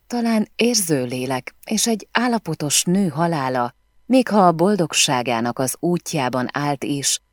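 A woman reading a novel aloud in first person with expressive storytelling. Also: very deep voice, no room sound, clean studio sound. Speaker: audiobook narrator. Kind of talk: scripted first-person audiobook narration.

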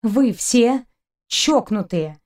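Audiobook: woman reader doing a high, indignant young girl, spirited outbursts. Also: lively intonation, extremely slow, darkish tone. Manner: indignant, exclaiming.

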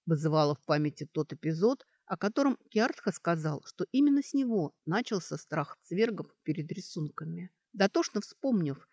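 Woman narrating with a lively, low voice. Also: no room sound, clean studio sound. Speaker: audiobook narrator. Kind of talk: scripted narration.

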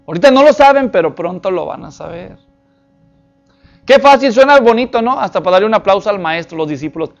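A man preaching an expository sermon, lively and joking, with many rhetorical questions to the congregation. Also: high-pitched, brisk, vocal fry. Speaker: pastor. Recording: dull lo-fi recording.

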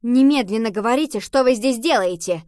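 A woman voicing a bold young female cat who questions others in a loud, demanding way. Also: medium pitch, normal speed, no room sound, studio quality, lightly acted.

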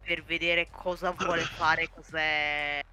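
Bright voice player checking spell rules, faint music behind. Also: mid-range voice, level tone, takes it slowly. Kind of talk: casual play with friends.

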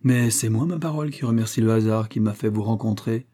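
A man's voice: on the low side, a little fast, dark tone, close to an everyday voice. A man reading an audiobook, voicing a cocky young Parisian street lad who talks in a boastful, slangy way.

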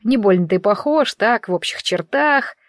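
An evasive man in an audiobook, quick to take back what he said, voiced by a woman narrator. The voice stays close and dry, at an ordinary middle pitch for her. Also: lively intonation, no room sound, natural voice.

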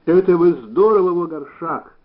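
A male reader voices a hospital chief doctor who speaks in a lively, admiring way. His voice is a little raised above the narration. The recording sounds slightly dull. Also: a little high, unhurried, pitched above the performer's own voice.

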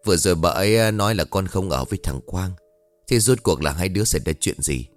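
A man voicing a gentle, worried older father who speaks softly and calmly, in a story reading. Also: deep voice, quick pace, no room sound, soft background music. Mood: concerned. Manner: soft, calm and soothing.

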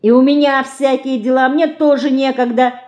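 A woman reading an audiobook, voicing a lively, stubborn little girl who pleads and bosses. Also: fairly high pitch, unhurried, pitched above the performer's own voice. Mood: eager. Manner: eager, pleading, bossy.

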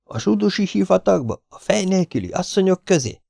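A man voicing an excitable, easily frightened male camp master who pleads in a high, shrill voice. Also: no echo, studio quality, close to an everyday voice. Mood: alarmed.

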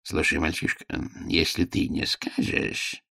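A man's voice: a little slow, pushed and bright, no room sound, studio quality. A man voicing a cruel, scheming court minister who threatens and gives orders. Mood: menacing. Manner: menacing, squeaking when enraged.

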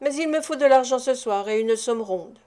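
A woman's voice: on the high side, moderate pace, warm tone, close to an everyday voice. A woman reading the part of a sick, bitter male thief in an audiobook, speaking in a growling, resentful manner.

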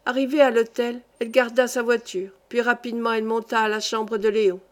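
A woman narrates a classic novel in audiobook style. Her reading is steady and measured, set in a fairly high voice. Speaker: audiobook reader.

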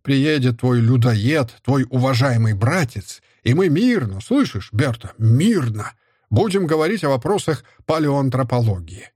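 A bitter middle-aged scholar full of disgust and self-contempt, played by a male reader. His voice is husky and mid-pitched, and the dry, close sound gives every outburst an edge. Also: big pitch swings, a little slow, darkish tone, no echo. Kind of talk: audiobook character voice.

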